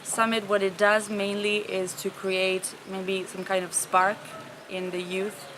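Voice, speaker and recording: A woman's voice: medium pitch, flat delivery, a little slow, background noise. A woman in her twenties from Spain, answering interview questions earnestly as a summit participant. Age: 20s.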